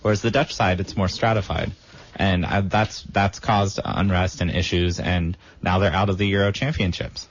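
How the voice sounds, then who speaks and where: Deadpan low-voiced co-host man. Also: moderate pace, dry recording. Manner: dry, deadpan, sarcastic. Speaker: podcast co-host. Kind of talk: casual sports chat. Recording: dry, dull lo-fi sound.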